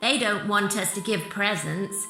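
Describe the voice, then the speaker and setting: A woman voicing a calm, wise stable cat in a storybook reading, unhurried. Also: medium pitch, creaky. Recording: roomy room with faint music.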